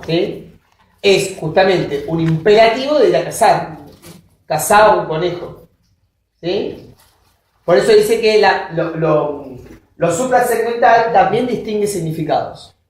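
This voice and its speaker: A woman lectures at an unhurried pace, stopping often to quiz her students. Her voice comes from across a classroom, picked up by a distant recorder with plenty of room echo. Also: mid-range voice, animated, a little mellow. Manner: keeps checking understanding with quick questions to students. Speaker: linguistics lecturer. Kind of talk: university lecture. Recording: roomy classroom audio from a distance.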